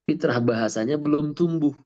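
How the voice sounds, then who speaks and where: A man's voice: a little high, fairly quick, mellow. A man giving a talk as a parenting coach, emphatic, asking rhetorical questions and answering them himself. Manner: emphatic, asks and answers his own questions. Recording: dull lo-fi sound.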